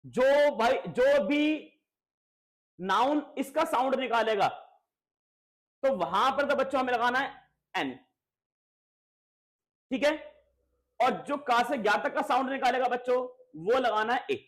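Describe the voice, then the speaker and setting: A man's voice: very high-pitched, measured pace, long pauses. A man teaching a grammar lesson to schoolchildren, asking and repeating questions. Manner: lively, repeats questions to students, coaxing.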